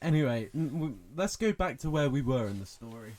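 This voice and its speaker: A man co-hosting a podcast, retelling movie scenes in an animated, incredulous way. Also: mid-range voice, fairly quick. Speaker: podcast co-host. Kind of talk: casual film review chat.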